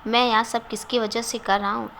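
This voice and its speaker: A moody, troubled young man from a storybook, read out by a woman. He talks in a hesitant, brooding way, his voice pitched fairly high, with a faint hiss behind it. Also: flat delivery, moderate pace, gravelly, fairly bright tone.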